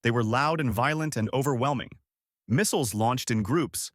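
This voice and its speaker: A man narrating a science-fiction story in a steady, expressive reading. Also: mid-range voice, normal speed, no echo, clean studio sound.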